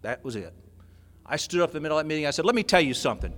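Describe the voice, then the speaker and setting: Bright-voiced man telling his recovery story. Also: on the high side, big pitch swings, rapid-fire. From California. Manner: storytelling, emphatic, swings from loud outbursts to quiet intensity. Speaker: 12-step workshop speaker. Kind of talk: personal recovery talk at a podium. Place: convention hall.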